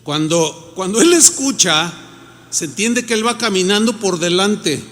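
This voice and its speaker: A man's voice: high voice, expressive, a little slow, a bit bright. A man with a Mexican Spanish accent preaching a sermon as pastor, in a conversational style that acts out the voices of the people he quotes. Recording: reverberant hall.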